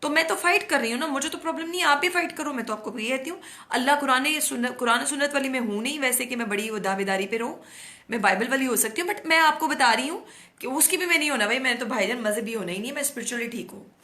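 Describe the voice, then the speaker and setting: Hoarse, outspoken woman host. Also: high-pitched, fast. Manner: outspoken, animated, mixes English words into Urdu. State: hoarse throat. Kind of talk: casual monologue to camera. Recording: echoey room, no proper mic.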